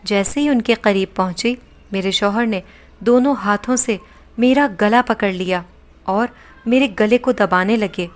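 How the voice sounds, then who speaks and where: A woman reading a dramatic first-person story in a steady storytelling voice. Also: medium pitch.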